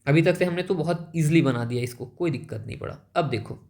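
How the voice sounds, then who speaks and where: A young man teaching an exam-prep grammar lesson, explaining step by step and asking quick check questions. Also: fairly high pitch, darkish tone.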